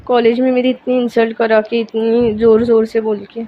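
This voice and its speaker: A hurt young woman, voiced by a female storyteller sulks and answers in short, curt lines, her voice a little high. The storybook recording sounds dull and lo-fi, with faint hiss. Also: little pitch movement, normal speed, lightly acted. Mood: sulky. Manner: sulky, curt.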